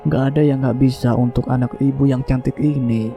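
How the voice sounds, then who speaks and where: A tender ghostly mother in a horror audio story, soothing and soft-spoken, as a man narrates her. The tone is dark and mellow, with faint music underneath. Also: mid-range voice, steady tone, a little fast, creaky, lightly acted. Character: gentle loving ghostly mother comforting her daughter.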